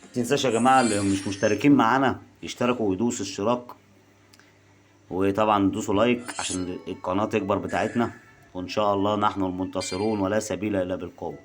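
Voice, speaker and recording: An Egyptian man with a very low voice, chatting his way through a match. He coaxes, teases and cheers in quick bursts, with loud game music running behind him. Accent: Egyptian Arabic. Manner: chatty, coaxing, teasing the opponent, bursts of excitement. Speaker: gaming video host. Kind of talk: casual gameplay commentary.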